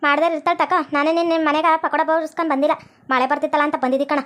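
A woman playing a meddling, deaf old village woman in a comic family skit, with a North Karnataka Kannada accent and a shrill, nagging, melodramatic way of talking. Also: steady tone, racing, a bit bright. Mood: indignant.

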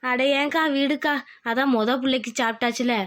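A woman's voice: sits high, fairly even intonation, a little fast, a bit bright, no echo, clean studio sound. A woman voicing a tired, pregnant young village wife in a cartoon, complaining but polite. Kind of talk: cartoon voice acting.

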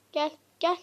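A woman giving casual let's-play commentary as a gaming YouTuber, chatting straight to her viewers and getting frustrated quickly. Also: fairly bright tone, a little hiss or hum.

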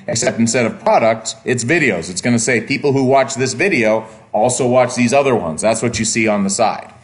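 In this recorded college lecture, a man at medium pitch talks through on-screen examples as he clicks along, musing aloud in a relaxed, informal manner.

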